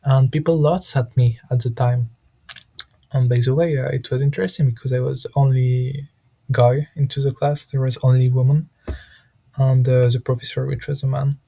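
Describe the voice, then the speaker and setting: Halting man with a gravelly voice. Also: medium pitch, level tone, mellow, no room sound. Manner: hesitant, searching for words with many restarts. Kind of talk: casual spoken monologue.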